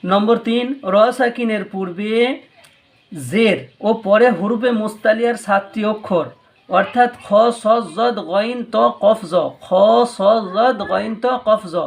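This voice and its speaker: Unhurried and high-sitting with some vocal fry, this man's voice guides listeners through Quran recitation rules in a patient step-by-step lesson. He has a Bangladeshi Bengali accent and repeats every rule twice.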